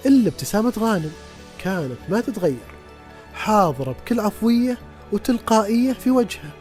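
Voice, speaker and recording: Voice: medium pitch, darkish tone. A narrator giving a reflective documentary voice-over about spending time with a film subject.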